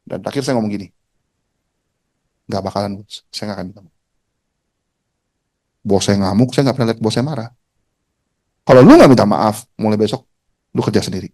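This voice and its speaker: Man, motivational speaker, casual slang, animated storytelling, acts out voices. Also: lowish voice, a little fast, long pauses. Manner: colloquial Jakarta slang, animated, mimics voices. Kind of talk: storytelling talk to an audience.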